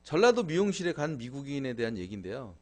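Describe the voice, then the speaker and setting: A man's voice: medium pitch, sing-song, fast, a little mellow. Chatty man hosting a live stream. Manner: chatty, thanks viewers, laughs often. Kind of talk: casual live-stream talk.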